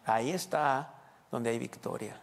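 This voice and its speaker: A man's voice: medium pitch, measured pace, vocal fry, in a large hall. A man from Sonora with a northern Mexican accent, preaching a storytelling sermon in a church, chatting with the congregation and tossing in tag questions.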